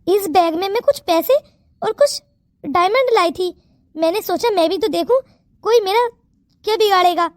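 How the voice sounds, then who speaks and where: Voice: very high voice, normal speed, pauses often, dry recording, studio quality. A voice artist playing a headstrong, boastful rich young woman in a cartoon story. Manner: defiant, boastful.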